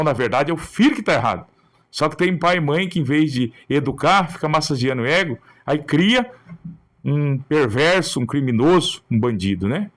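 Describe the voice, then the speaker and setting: A male pastor delivers a sermon in short bursts, his voice sitting a little higher than most men's. He speaks earnestly and admonishes his listeners, tagging many phrases with a question to draw them in. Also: a bit bright. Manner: talks in short phrases, often adding a questioning tag. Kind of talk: sermon on raising children.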